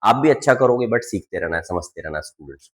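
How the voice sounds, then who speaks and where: A man's voice: lowish voice, lively intonation, quick pace, low-quality recording. Man teaching maths at a board. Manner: asks the class questions and answers them himself; repeats checks like "clear students?". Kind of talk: classroom-style board lesson.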